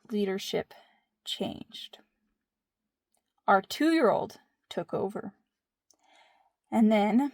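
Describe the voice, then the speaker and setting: Slow, playful mom telling a story. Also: female voice, medium pitch, dry recording, studio quality. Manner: playful mock-dramatic delivery with whispered asides. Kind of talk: casual storytelling.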